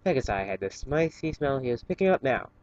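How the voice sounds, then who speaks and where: This fan fiction reader for an online channel has a mid-range, slightly mellow voice and delivers the story briskly and very animatedly. He's an informal amateur who sometimes trips over words, captured in a dull, lo-fi home recording.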